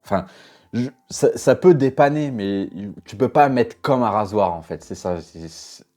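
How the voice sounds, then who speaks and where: A man's voice: on the low side, lively intonation, unhurried, darkish tone, faint music behind. A knife sharpener giving casual reaction commentary, a man who talks bluntly, swears, laughs often and sounds exasperated.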